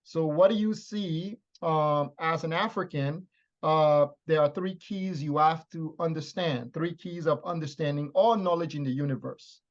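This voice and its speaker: A man's voice: a little high, measured pace, highs cut off. A man from Liberia teaching in a lecture style, stressing his points with repeated phrases. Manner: emphatic, repetitive teaching phrases.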